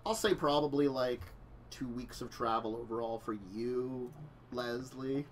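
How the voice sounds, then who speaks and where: A man's voice: mid-range voice, a little slow. A man talking casually as the storyteller of a tabletop role-playing game. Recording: faint noise with keyboard clicks.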